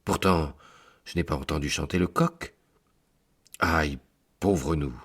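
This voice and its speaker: A man's voice: extremely low pitch, slow pace, a bit bright, heavily acted. A man voicing an anxious village priest, pleading and exclaiming in dismay.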